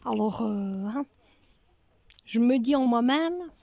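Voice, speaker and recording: A woman's voice: fairly high pitch, lively intonation, slow, noisy background. A woman vlogging at home as a mother, chatting casually and speaking straight to her viewers.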